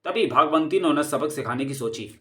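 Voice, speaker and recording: Guy narrating a comic story, steady and expressive, kinda high voice. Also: fairly quick.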